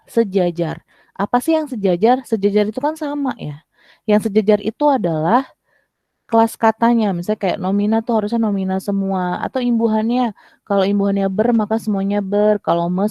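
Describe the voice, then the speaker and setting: A woman's voice: mid-range voice, mellow, no echo, lo-fi sound. A young woman tutoring an online exam-prep class, explaining step by step and sounding out example sentences.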